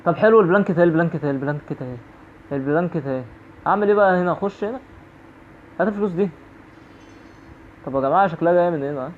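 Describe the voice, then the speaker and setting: A man's voice: a little high, very fast, pauses often, a little hiss or hum. A man with an Egyptian Arabic accent giving jumpy horror-game commentary, repeating phrases over and over. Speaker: gaming YouTuber. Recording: tinny phone-like audio.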